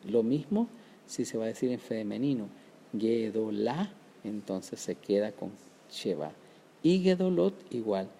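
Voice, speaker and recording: Gravelly, dark-voiced man teaching Hebrew grammar. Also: medium pitch, slight background noise. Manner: explains step by step, often checks with "¿verdad?" and "¿ok?"; sounds out Hebrew words slowly, syllable by syllable. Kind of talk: recorded grammar lesson.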